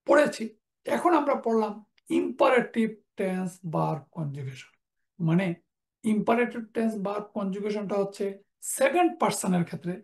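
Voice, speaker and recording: A woman teaching Quranic Arabic grammar in a slide lecture, working through verb conjugations in steady, orderly lists. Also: mid-range voice. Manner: methodical, drills verb forms in lists. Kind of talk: online lecture over slides.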